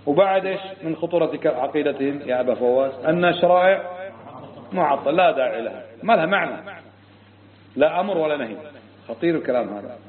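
A man's voice: on the high side, animated, fast. A man teaching a religious creed class, emphatic and firing rhetorical questions at his students. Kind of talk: religious lesson. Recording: tinny phone-like lo-fi recording.

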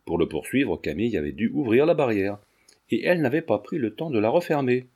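A man reads a classic novel aloud in calm, measured narration. His voice is mellow and dark-toned and sits at an average pitch. The delivery is steady and scripted. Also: breathy edge. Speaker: audiobook narrator.

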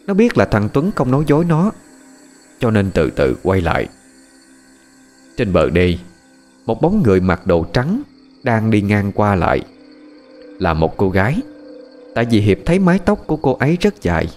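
A man narrating a ghost story in a lively, expressive way. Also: lowish voice, moderate pace, pauses often. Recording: faint music and night crickets behind.

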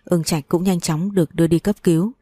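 A woman reading a story aloud in a steady, plain storytelling way. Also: lowish voice, brisk, slightly rough, dry recording. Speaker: story narrator.

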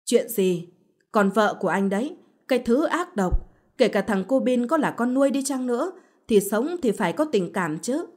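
A woman voicing an angry older mother-in-law with a shrill, accusing way of scolding, in a storybook reading. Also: lively intonation, moderate pace, a little mellow. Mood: furious.

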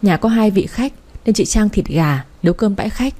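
A woman reads a romance story aloud in an even, steady way. Her voice is dark and mellow, with a slight husky edge. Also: medium pitch, normal speed. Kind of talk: storybook audiobook narration.

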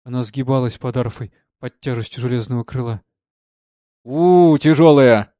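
A man reading a literary novel aloud as an audiobook narrator, in a measured and expressive storytelling manner. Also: mid-range voice, no room sound, studio quality.

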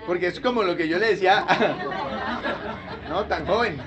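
A man pastor preaching a sermon in a lively, humorous way, full of rhetorical questions. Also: sits high, a little slow, lo-fi sound, a crowd in the background, noisy background.

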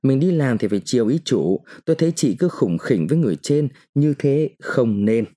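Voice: medium pitch, animated, a little fast, warm tone, lightly acted. A man reading a story, voicing a sly older go-between who is bossy and impatient. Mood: coaxing, sly.

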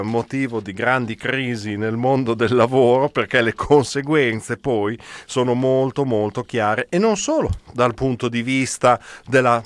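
A man hosting a radio press review, reading headlines with wry, ironic asides. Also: mid-range voice. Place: radio studio.

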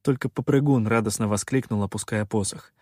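A man narrating a first-person fantasy audiobook in a measured, expressive storytelling voice. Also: lowish voice, no room sound, studio quality.

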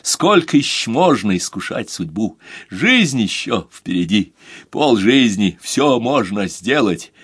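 A man playing a frightened, bitter drinker who speaks nervously and slowly. The sound is close and dry. It is a storybook audiobook. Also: lowish voice, big pitch swings, husky, no echo, full character voice. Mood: anxious. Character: shaken, frightened middle-aged drinker.

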